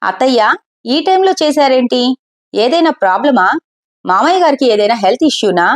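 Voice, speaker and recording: A woman's voice: a little high, animated, normal speed, close to an everyday voice. A woman voicing a polite young son-in-law who answers a late-night call anxiously and in a hurry.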